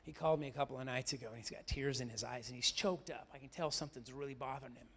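A middle-aged pastor preaching a sermon. He moves between loud, emphatic declarations and quiet, confiding storytelling. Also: mid-range voice, rapid-fire, slightly rough.

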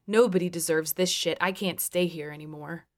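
A woman's voice: lowish voice, fairly even intonation, normal speed, close to an everyday voice. Woman voicing a firm young husband. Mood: earnest. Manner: forceful, firm. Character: fed-up grown son, a young husband.

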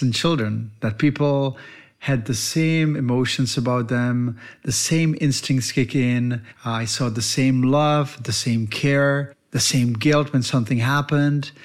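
A man from the Republic, a veterinarian hosting his own podcast and talking in an earnest, reflective way. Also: mid-range voice. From Czech Republic. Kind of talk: podcast monologue.

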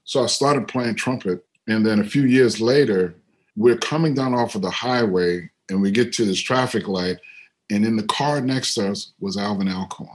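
A middle-aged man with a fairly low voice tells a story from his life at an easy pace. He speaks into a computer on a video call and fills his talk with little asides. He brightens and lifts his voice when he acts out other people. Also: normal speed. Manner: animated when quoting others, otherwise easygoing with fillers. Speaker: interviewed musician and composer. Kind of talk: relaxed storytelling.

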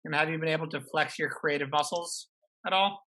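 Quick upbeat host dude, really bright sharp voice. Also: male voice, on the high side, fairly even intonation, poor audio. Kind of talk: casual interview.

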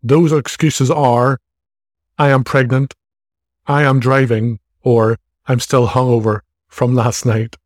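Taking it slowly, a podcast host from Ireland in his forties talks on his own in a casual monologue, frank, chatty and self-deprecating. His mid-range voice holds a steady tone, and the recording is dry with clean studio sound.

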